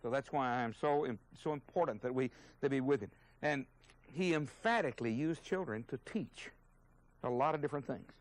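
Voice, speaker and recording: A man's voice: mid-range voice, fairly quick, poor audio. Earnest man preaching a sermon. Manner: earnest and emphatic, openly indignant. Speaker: Bible teacher.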